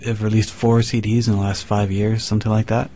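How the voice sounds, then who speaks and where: Male radio host, lowish mellow voice, relaxed track intro, faint background hiss. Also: fairly quick. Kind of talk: radio music show announcing.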